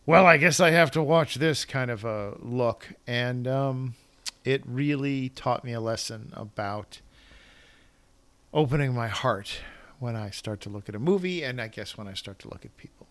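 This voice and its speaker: A man's voice: mid-range voice, unhurried. A man co-hosting a casual movie-awards podcast, rambling and losing his thread, then correcting himself. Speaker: podcast co-host. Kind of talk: casual film-awards chat.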